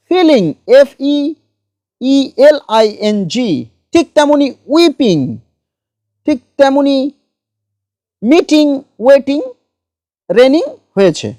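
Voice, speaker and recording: A woman teaching an English grammar lesson, explaining each rule slowly and spelling example words letter by letter. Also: high voice, darkish tone, no echo, studio quality.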